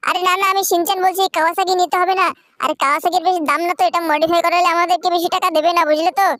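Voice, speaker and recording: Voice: very high voice, steady tone, racing, pushed and bright, no room sound, clean studio sound. A performer voicing the cheeky little boy Shinchan in a playful, pleading way during a game video.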